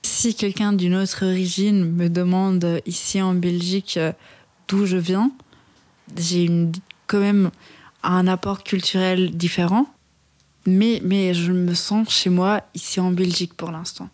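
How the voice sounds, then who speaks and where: Jeune femme hésitante, italien, posée. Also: female voice, lowish voice, level tone, measured pace, a little mellow. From Italy. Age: 20s. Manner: hesitant, many fillers. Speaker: interviewee. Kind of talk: documentary interview.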